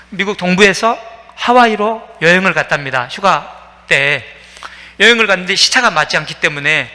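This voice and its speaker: A man's voice: high voice, pushed and bright. A man preaching a sermon as pastor, telling a story with many fillers and acting out the quoted voices. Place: church sanctuary. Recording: long reverb of a church hall.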